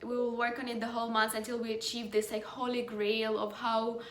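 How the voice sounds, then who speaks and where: A woman's voice: a little high, little pitch movement, moderate pace, slight background noise. A woman with a British accent, hosting a motivational vlog and cheering her followers on, with plenty of "like" fillers. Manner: upbeat, encouraging, many "like" fillers. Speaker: life coaching program host. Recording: echoey room.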